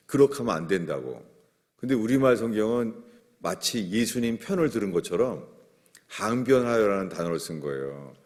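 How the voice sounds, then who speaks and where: Animated low-voiced male preacher, hall echo. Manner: expository preaching, acting out quoted scripture lines. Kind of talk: sermon. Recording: long hall reverb.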